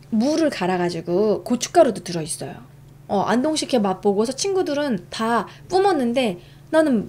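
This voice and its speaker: A young woman hosts a casual live-stream history lesson, her voice sitting a little high. She swings up and down a lot in pitch as she chats, reads her notes aloud and answers her viewers. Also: a little mellow. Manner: chatty, reads out and reacts to chat.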